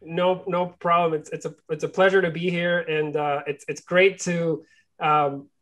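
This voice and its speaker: A man's voice: a little high, level tone, measured pace, a bit bright. A man from Venezuela answering interview questions, often restarting and repeating words. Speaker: guest, company co-founder.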